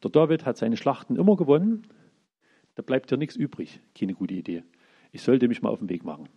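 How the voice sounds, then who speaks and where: Animated preacher, mellow husky voice. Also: male voice, mid-range voice, fairly quick, lo-fi sound. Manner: lively, acts out the characters' lines in everyday speech. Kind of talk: informal sermon retelling Bible stories.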